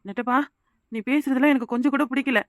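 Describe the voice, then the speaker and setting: Cartoon: woman as a jittery Kanyakumari young wife, high, fast, dry studio. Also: steady tone, no room sound, close to an everyday voice. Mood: indignant. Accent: Kanyakumari Tamil. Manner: rapid, insistent, pleading. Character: frightened young village wife. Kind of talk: cartoon voice acting.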